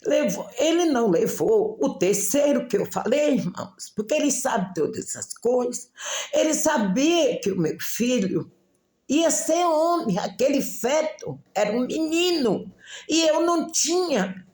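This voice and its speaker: A woman's voice: high voice, very animated, unhurried, darkish tone, reverberant. A middle-aged woman giving a religious testimony in church, telling her story with feeling and acting out the dialogue.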